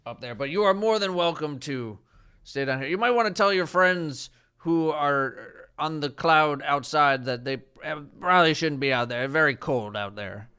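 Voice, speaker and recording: A man voicing a hesitant, apologetic giant in a tabletop game, halting and stammering as he repeats himself. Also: a little high, bright, forceful tone, smooth. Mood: polite, halting. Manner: halting, stammering, repeats words, drawn-out polite phrasing. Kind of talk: tabletop role-play acting.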